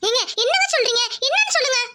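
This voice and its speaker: A woman's voice: extremely high pitch, expressive, rapid-fire, heavy background noise. A woman voicing a worried mother and wife who pleads with her angry husband. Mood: anxious. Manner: anxious, pleading.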